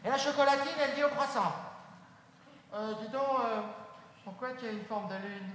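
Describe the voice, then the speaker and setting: Man as a shy, sulky son telling a joke on stage, halting delivery, very echoey hall with noise. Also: fairly bright tone. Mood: hesitant. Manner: hesitant, low-key storytelling with fillers. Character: shy, sulky grown son made to tell jokes. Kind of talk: live improvised comedy sketch.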